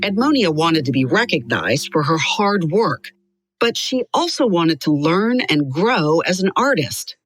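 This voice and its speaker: A woman with a deep voice narrates a scripted children's biography in an unhurried, expressive storytelling style with clear articulation.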